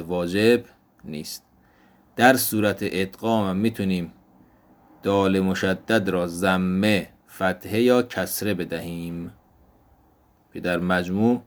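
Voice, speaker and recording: A man teaching an Arabic grammar lesson, explaining step by step and repeating each example word slowly. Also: low voice. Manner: slow, deliberate explanation, repeating example words.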